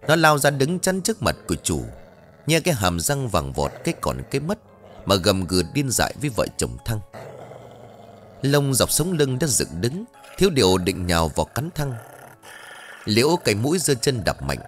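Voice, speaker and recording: A man narrating a ghost story in a dramatic storytelling manner. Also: mid-range voice.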